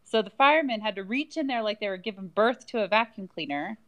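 A woman's voice: medium pitch, fast talker. A woman chatting casually on a podcast, telling playful anecdotes and acting out what people said. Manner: animated storytelling, quotes others, playful. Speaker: podcast guest.

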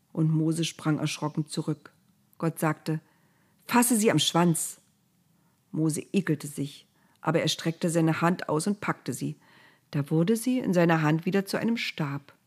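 Storyteller, woman, calm and measured, lowish voice. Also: slightly rough. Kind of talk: storybook narration.

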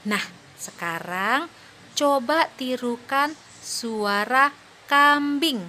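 A bright, ringing, slightly high voice belongs to a patient, praising young mother, played by a woman in a children's audio play. She talks slowly and clearly, as if to small children, and cheers them on. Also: expressive, slight background noise, exaggerated voice. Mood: encouraging. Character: cheerful, encouraging young mother teaching her little daughters. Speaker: mother of two young girls.

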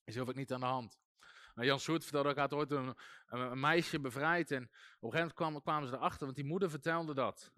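A man's voice: a little high, fairly bright tone, no echo, studio quality. A man teaching on deliverance in a loose, conversational way, with plenty of fillers and restarts. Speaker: deliverance preacher. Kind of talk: informal teaching talk.

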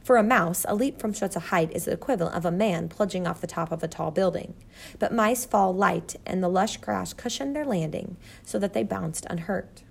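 A woman's voice: lowish voice, moderate pace, creaky, breathy edge. A woman narrating a children's storybook steadily. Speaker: audiobook narrator.

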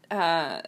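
A woman's voice: lowish voice, a bit bright. A young woman at home, chatting about writing tips with lots of fillers and restarts. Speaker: writer reviewing writing tips. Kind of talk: casual solo commentary. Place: at home at a computer.

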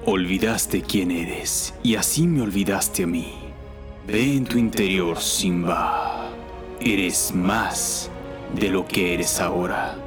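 A man voicing a stern, wise king lion who speaks to his son in a grave, measured way. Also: low voice, over music. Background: film score.

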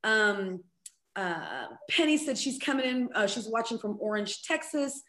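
A woman's voice: fairly high pitch, lively intonation, unhurried, fairly bright tone, roomy sound. A woman hosting a casual livestream chat over a video call, playful and bubbly as she reads viewer comments aloud. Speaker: host.

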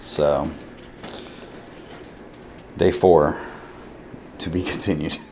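A man's voice: extremely low pitch, fairly even intonation, very slow. A man hosting an informal spoken audio diary, chatting casually and noting the time as he goes. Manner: informal, often recapping the time and day. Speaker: host of an audio travel diary. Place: on the move through hotel lobbies and streets. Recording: handheld recorder with clear ambient noise.

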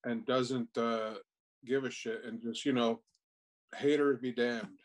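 A man from Texas, a podcast guest talking in an easygoing, halting way with casual swearing. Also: medium pitch, fairly even intonation, slight background noise, low-quality recording. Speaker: guest, tattoo artist. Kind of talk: casual interview chat.

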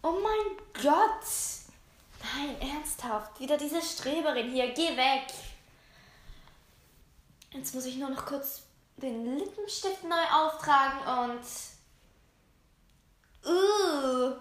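A woman's voice: high voice, expressive, slow, pauses often. A girl doing a snooty, snippy mean girl. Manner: drawling, snippy. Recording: roomy echo.

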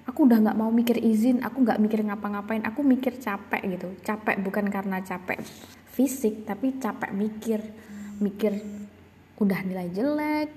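A woman's voice: fairly high pitch, warm tone. A young woman telling a personal story in a casual, reflective and confessional way, hesitating and restarting often. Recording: long reverb.

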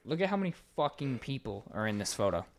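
A young American man co-hosting a podcast, telling stories in a casual, animated way and swearing a lot. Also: medium pitch, fast talker, creaky. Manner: animated storytelling with frequent swearing. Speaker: podcast co-host. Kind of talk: casual chat.

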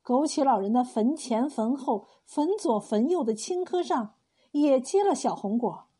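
A woman narrating a folk tale in a slow, even storytelling manner. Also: high-pitched, slightly rough.

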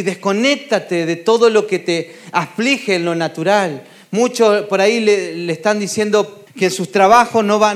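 A man preaching a sermon, his voice sitting notably high for a man. He speaks as a pastor, earnest and encouraging, and keeps checking in with his listeners as he goes.

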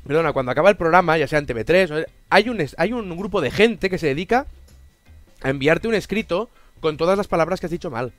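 A man's voice: a little high, expressive, no echo, soft background music. A man with a Catalan accent, a native Catalan speaker, hosting a casual chat on his channel and talking in a joking way, swearing now and then. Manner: fast, joking, swears casually, mixes languages. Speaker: channel host.

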